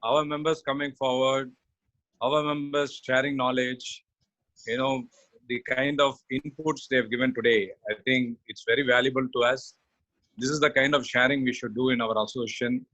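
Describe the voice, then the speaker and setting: A man with an Indian accent giving a measured, formal vote of thanks as an association official. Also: mid-range voice, fairly even intonation, fairly bright tone, no echo, muffled recording. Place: online webinar call.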